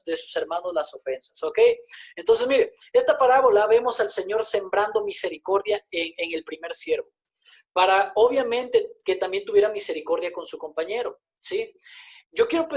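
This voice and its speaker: Woman, preacher, sermon, emphatic, repetitive phrasing, rhetorical questions, mid-pitched voice. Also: darkish tone.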